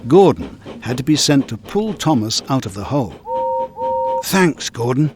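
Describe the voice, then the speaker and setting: Over loud music, a man with a mid-range voice narrates a scripted children's story, expressive yet measured in his storytelling.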